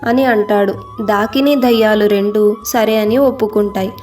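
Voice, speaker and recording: A woman narrating a children's cartoon story in a steady storytelling voice. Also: medium pitch, normal speed, soft background music.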